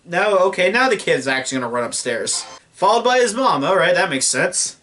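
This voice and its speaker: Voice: mid-range voice, big pitch swings, fairly quick, a bit bright, faint music behind. A young adult movie reviewer ranting in disbelief and swearing often while talking through a film. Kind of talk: profane film review commentary.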